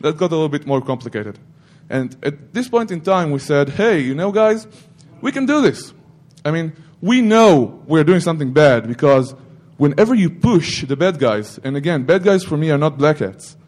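A man's voice: on the high side, lively intonation, moderate pace, few pauses, a little mellow. A middle-aged man giving an informal technical talk at a security conference, rambling with self-corrections and joking asides to the audience.

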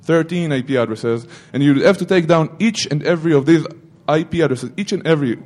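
A middle-aged man speaks in a somewhat high voice, rambling through an informal technical talk. He often stops to correct himself mid-sentence. He throws in joking asides to the audience. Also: fairly quick, a little mellow. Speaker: security conference speaker.

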